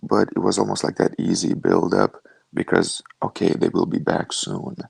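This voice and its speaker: Low gravelly man, husky and dry. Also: normal speed, no room sound. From Lithuania. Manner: relaxed storytelling, many "like" fillers. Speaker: guest, professional fighter. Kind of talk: casual interview over a video call.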